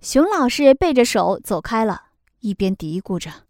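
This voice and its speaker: A woman narrating a children's animal story in a lively, expressive way. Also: fairly high pitch, normal speed, dry recording, studio quality.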